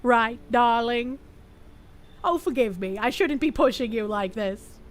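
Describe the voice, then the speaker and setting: A woman voicing a middle-aged country husband who is overly courteous and pushy, with a folksy, falsely sweet manner and a lowered voice. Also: unhurried, natural voice. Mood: polite, ingratiating.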